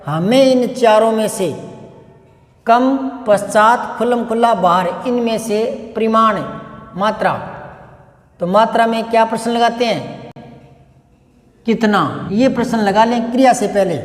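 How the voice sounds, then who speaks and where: A man's voice: high voice, unhurried. A male teacher giving a grammar lesson, working through each example by asking questions and answering them himself. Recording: echoey room with long reverb.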